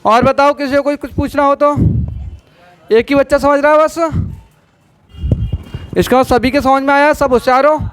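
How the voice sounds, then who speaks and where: A male teacher giving a classroom grammar lesson, asking his students questions and saying example sentences slowly. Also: very high-pitched, steady tone, fairly bright tone.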